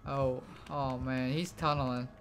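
A woman's voice: a bass voice, steady tone, a little slow, slight background noise. A woman streamer chatting in a laid-back way with friends while gaming, laughing often. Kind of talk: casual gaming chat.

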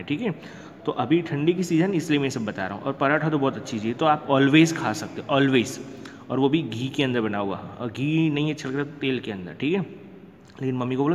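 Male primary teacher, conversational lesson, mid-pitched, reverberant room with faint noise. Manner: chatty, asks questions and answers them himself. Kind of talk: recorded classroom lesson.

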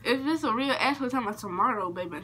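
A woman's voice: on the high side, expressive, rapid-fire, bright, forceful tone. A young woman chatting casually and bluntly, teasing, in a bedroom. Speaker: prank-call vlogger. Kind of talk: casual chat, joking banter. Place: bedroom, camera on the bed at arm's length. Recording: noisy home camera audio.

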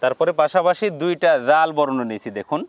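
A high-pitched man with a Bangladeshi Bengali accent leads a slow Quran reading lesson. He repeats every letter sound and calls out to his viewers as he goes. The recording sounds dull and lo-fi. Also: smooth. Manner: repeats each sound and addresses viewers directly. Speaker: Quran teacher.

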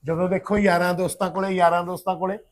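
An actor playing a quick-tempered man of the house who harshly scolds the young son. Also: high-pitched, flat delivery, close to an everyday voice. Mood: scolding. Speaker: actor in a short family drama. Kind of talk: village family drama.

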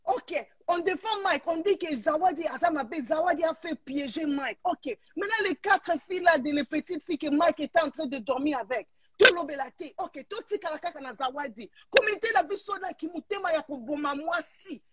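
A woman's voice: high voice, lively intonation, moderate pace, hardly any pauses, background noise. A Congolese woman in a heated live chat, speaking emphatically and indignantly, switching between languages. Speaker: live stream participant.

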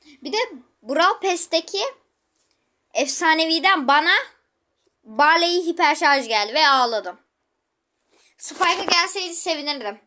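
Brief: woman gaming host, high pitch, chatty live commentary with sharp exclamations. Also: lively intonation, unhurried, pauses often. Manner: chatty, exclaiming, talks to viewers while playing.

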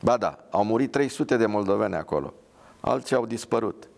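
A man's voice: on the low side, expressive, creaky. A man voicing a pious, blunt young woman dressed as a nurse, with an earnest, scolding manner.

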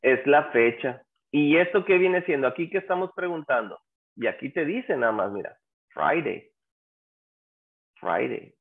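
A man teaches a class at an unhurried pace, patiently drilling example phrases and quizzing his students. His pitch sits a bit high and swings widely as he talks. The sound is thin and narrow, like a phone line. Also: animated, vocal fry. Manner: asks the class questions and prompts them to answer. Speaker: English teacher. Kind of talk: classroom language lesson.

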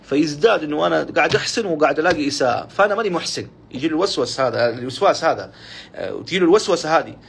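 A man's voice: on the high side, expressive, rapid-fire, vocal fry, fairly bright tone, a little hiss or hum. A middle-aged man, preaching in a live-streamed sermon, storytelling with passion and repeating words for emphasis.

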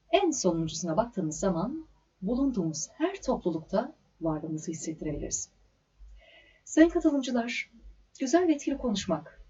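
Breathy woman lecturing on diction. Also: mid-range voice, warm tone. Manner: clear, measured delivery with deliberate stresses and pauses. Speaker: diction instructor. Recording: slightly dull lo-fi recording.

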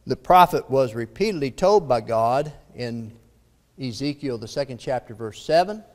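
Preacher reading scripture in a reverberant hall. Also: male voice, medium pitch, animated, normal speed. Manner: reads scripture aloud with rising emphasis, then explains with fillers. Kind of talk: sermon lesson reading scripture. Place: church auditorium. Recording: long reverb of a church hall.

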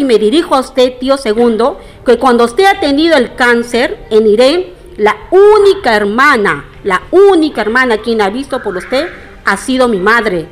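A middle-aged woman making an indignant, formal public statement, addressing her townspeople directly. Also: sits high. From Peru. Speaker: interviewee.

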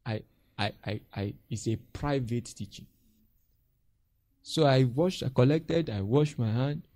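A man's voice: mid-range voice, unhurried, dry recording. A man, a pastor mentoring a group and telling stories with acted-out voices and frequent laughs. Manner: animated storytelling, acts out voices and laughs often.

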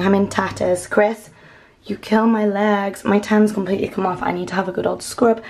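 Young woman vlogger, casual, excitable, friendly chatter; handheld camera sound. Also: mid-range voice, gravelly. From England. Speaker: lifestyle vlogger. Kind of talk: casual vlog chat to camera. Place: home kitchen and bathroom, indoors. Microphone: handheld camera at arm's length.

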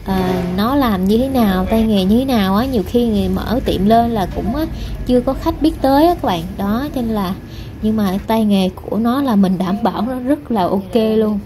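A woman's voice: fairly high pitch, moderate pace. A young woman, chatting casually to her viewers in a hair salon, full of fillers and asides. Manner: rambling, many fillers, addresses viewers directly. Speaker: vlogger. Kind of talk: casual vlog narration. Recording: noisy background.

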